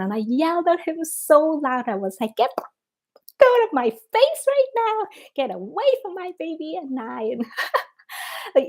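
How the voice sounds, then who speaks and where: A woman in her thirties talks casually to her viewers at an ordinary middle pitch. She reads out comments and answers them in a loose, friendly flow, full of "like" and "um" and small laughs. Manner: chatty, frequent "like" and "um" fillers, laughs between thoughts. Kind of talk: casual livestream chat.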